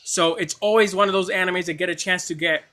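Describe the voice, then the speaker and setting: Excitable stammering young-sounding man. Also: high voice, fast talker. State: coughing at times. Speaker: anime streamer. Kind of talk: casual livestream chat.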